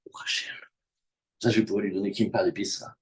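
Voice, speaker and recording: A man's voice: lowish voice, fast, slightly rough. A man teaching a live Talmud class to students, acting out the characters' lines as he explains. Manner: animated, acts out the characters' lines.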